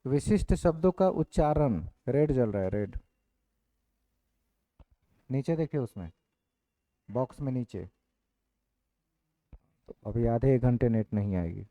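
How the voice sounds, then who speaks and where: A male teacher giving an online exam-prep class, dictating points slowly and repeating each one. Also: medium pitch, dark tone, no room sound. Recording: dry, phone-like lo-fi audio.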